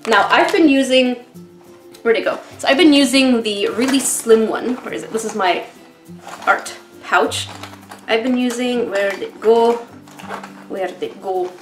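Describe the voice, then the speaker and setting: A woman's voice: on the high side, a little slow, pauses often, echoey room, faint music behind. A woman vlogger rambling in a casual unboxing chat, emotional and close to tears, laughing often. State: tearful, emotional.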